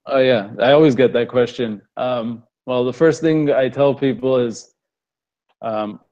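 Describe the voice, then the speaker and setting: A young fitness coach from Los Angeles with an Armenian-American accent answers questions in a casual live Q&A, relaxed, rambling and laughing often. His voice is medium-pitched and measured in pace, and the stream audio is muffled and lo-fi.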